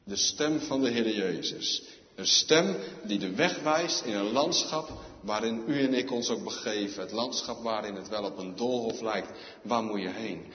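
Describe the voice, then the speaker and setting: A male pastor preaching a solemn sermon, slow and deliberate, swelling into loud emphatic outbursts. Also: fairly low pitch. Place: church. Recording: echoey church hall, dull lo-fi sound.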